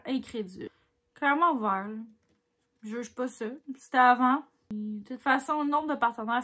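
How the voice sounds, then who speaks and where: High-voiced Québécois woman doing a quiz. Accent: Québécois French. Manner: chatty and candid, reads each question louder then mulls over answers with little laughs. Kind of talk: casual chat, reading quiz questions aloud and answering them.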